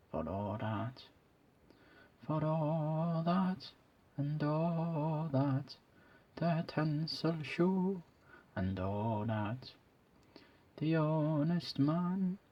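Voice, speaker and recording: A man talking in a soft ASMR whisper as a YouTuber, signing off to his viewers. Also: medium pitch, lo-fi sound.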